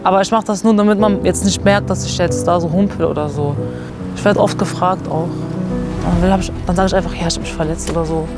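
A woman's voice: lowish voice, fairly even intonation, fast talker. Young woman in an outdoor interview. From Germany. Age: 20s. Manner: candid, casual, slangy. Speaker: patient telling her story. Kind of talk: documentary interview. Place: garden outdoors. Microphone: lapel. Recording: music bed behind the voice.

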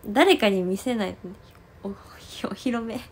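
A woman's voice: mid-range voice, lively intonation, measured pace, noisy background. A young woman livestreaming as an idol, chatting casually in a giggly, rambling way with lots of fillers.

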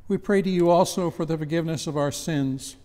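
An older man leading the prayers of the people in a measured, reverent reading in a church. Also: a little high, darkish tone, big-room sound. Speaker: prayer leader. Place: church chancel, indoors.

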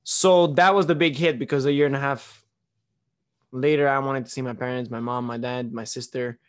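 In his living room, a young podcaster from Romania makes casual conversation into a studio mic mounted close on a boom arm. His voice sits at medium pitch with a steady tone and moderate pace, and his talk wanders with fillers and false starts.

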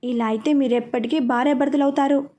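A woman's voice: sits high, steady tone, a little fast, mellow, natural voice. A woman reading as a cheeky younger brother. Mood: coaxing. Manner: light, coaxing.

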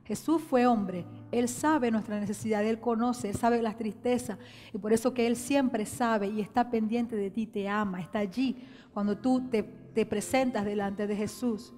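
A woman pastor, preaching a sermon with passion, rising to loud emphasis and dropping to hushed tones. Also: a little high, moderate pace. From Venezuela. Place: church. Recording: reverberant church hall with soft music.

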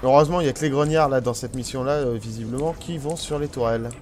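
A man's voice: medium pitch, quick pace, a little mellow, slight background noise. A man hosting a let's play, chatting casually as he plays, taunting enemies and exclaiming often. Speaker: gaming channel host.

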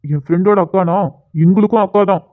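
A bold cartoon schoolboy leads his friends against a grown man, defiant and firm, played by a man. His voice is quite high, and it sounds tinny and phone-like. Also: quick pace, lightly acted. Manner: defiant, reassuring to the sister.

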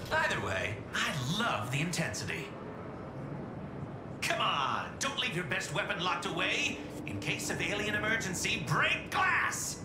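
An actor playing a flamboyant, theatrical and teasing murderous clown villain in a video game. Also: male voice, exaggerated voice. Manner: theatrical, teasing, swooping delivery. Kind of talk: video game character acting. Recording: roomy game sound, loud rumble behind.

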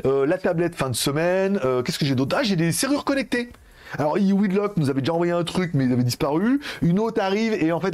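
French tech guy rambling on, voice jumping all over, fairly high, swears casually. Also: darkish tone. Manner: rambling, laughs often, crude slang. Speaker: tech youtuber. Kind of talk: casual chat. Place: Thailand.

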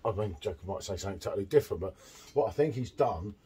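A middle-aged man chatting excitedly while reviewing a beer at a home bar, full of tag questions. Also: on the low side, fast talker, husky. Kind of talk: casual beer tasting chat.

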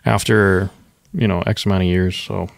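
Easygoing young man, low voice. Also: steady tone, normal speed, creaky, dry recording. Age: young adult. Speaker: podcast co-host. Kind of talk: casual tech chat.

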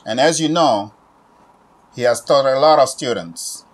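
Standing in his shop, a Congolese man in his forties, from the DRC, delivers an animated, slightly slow sales pitch to camera for his online training. He's repetitive and urging, often ending lines with "okay?", filmed by a camera at medium distance.

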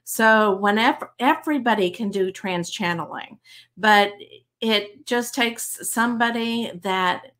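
A middle-aged woman speaks in a medium-pitched voice, explaining casually to the camera. Her delivery is earnest and conversational, as she recounts exchanges in a small room at home. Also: a little slow, fairly bright tone. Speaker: trance channeler.

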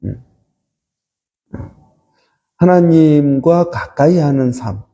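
Slow, dark-voiced pastor in a church hall. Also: male voice, medium pitch, slightly rough. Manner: slow, halting, many fillers. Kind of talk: early-morning prayer sermon.

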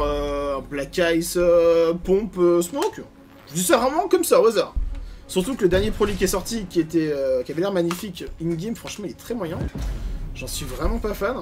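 A man giving casual gameplay commentary as a gaming YouTuber, animated, grumbling and swearing at bad loot. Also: sits high.

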